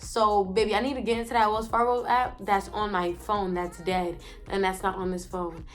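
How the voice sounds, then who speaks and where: A woman's voice: medium pitch, moderate pace, faint music behind. A young woman vlogger telling a story in a casual, slangy way from her bed, acting out what she and others said. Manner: animated, slangy, acts out her own quotes.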